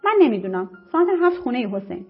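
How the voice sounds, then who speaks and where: A woman voicing a bossy, quick-tempered middle-aged mother who scolds and gives orders. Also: fairly high pitch, big pitch swings, husky, soft background music, exaggerated voice. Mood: indignant. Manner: scolding, commanding. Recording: muffled lo-fi recording.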